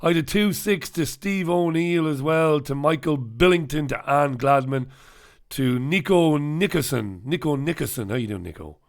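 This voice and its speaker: A man's voice: a little high, moderate pace. A man with a head cold, hosting a casual live stream where he reviews the newspapers, with sardonic, jokey asides. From United Kingdom. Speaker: host.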